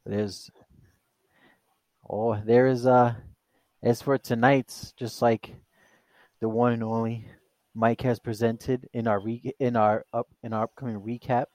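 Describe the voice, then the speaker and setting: A man's voice: mid-range voice, little pitch movement, a little slow, pauses often, a little mellow, dry recording. Rambling male podcast co-host, dry sound. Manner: rambling, hesitant, full of fillers. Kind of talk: casual podcast chat.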